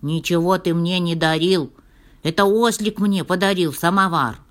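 A woman voicing a scared but angry little male bear cub in a fairy tale, shouting indignantly. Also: on the low side, moderate pace, close to an everyday voice.

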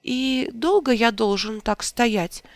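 A clever talking rabbit from a fairy tale speaks up eagerly in a raised, squeaky voice, voiced by a reader. The sound is dry and close, with a gravelly undertone. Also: slow, no echo.

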